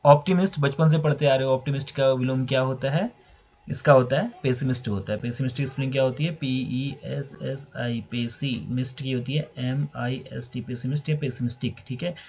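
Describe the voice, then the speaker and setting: A man's voice: mid-range voice, fairly even intonation, a little fast, a little mellow, breathy edge. A man teaching English vocabulary, explaining meanings and spelling words out letter by letter. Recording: dull lo-fi recording.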